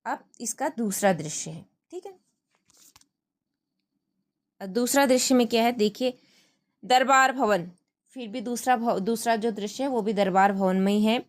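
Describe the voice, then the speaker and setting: A woman's voice: a little high, measured pace, long pauses. Woman teacher explaining a textbook play. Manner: explains words, many "ठीक है" checks.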